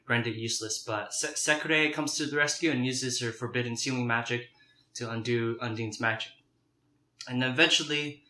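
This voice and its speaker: A young man chatting casually and a little haltingly as he hosts a mukbang, eating crunchy fried chicken. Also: mid-range voice, sharp tone. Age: young adult. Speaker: mukbang video host. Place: home kitchen, indoors. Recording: roomy, echoing kitchen sound.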